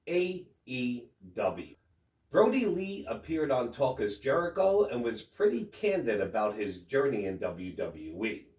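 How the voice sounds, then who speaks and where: A man's voice: mid-range voice, a little mellow, distant mic. A man hosting a wrestling news show, reading headlines and quotes in a casual way. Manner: casual, reads quotes in plain voice. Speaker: host. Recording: roomy, off-mic home recording.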